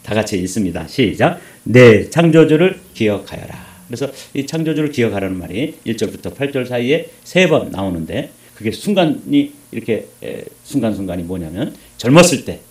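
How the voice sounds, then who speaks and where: A male pastor delivering a sermon in a roomy, echoing sanctuary. His pitch swings widely as he rises to forceful emphasis and drops to quiet asides, and he keeps throwing questions to the congregation. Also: fairly quick, hardly any pauses. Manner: animated preaching, swings from loud emphasis to hushed asides; addresses congregation with rhetorical questions.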